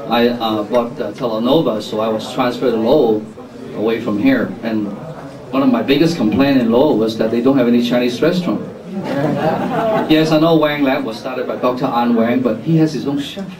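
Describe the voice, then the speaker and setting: A man's voice: mid-range voice, normal speed, crowd noise. A man in his fifties from Hong Kong tells his career story on a panel with dry jokes and little chuckles. The voice comes from far off in a reverberant hall, with a listening audience around him. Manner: joking, chuckles at his own lines. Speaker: panelist entrepreneur. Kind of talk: panel self-introduction. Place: conference hall before an audience.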